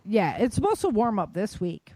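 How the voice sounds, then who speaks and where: With a mellow, sing-song medium-pitched voice at a moderate pace, a woman hosts a podcast offering an informal, chatty roundup of global weather and disasters. There's no echo, though the recording is low quality.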